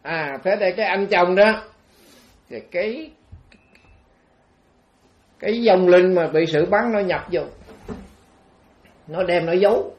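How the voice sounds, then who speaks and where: A man's voice: high voice, slow, pauses often. A man, a Buddhist monk telling a story in a folksy, rambling sermon full of fillers and restarts. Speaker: Buddhist monk giving a dharma talk. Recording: dull lo-fi recording.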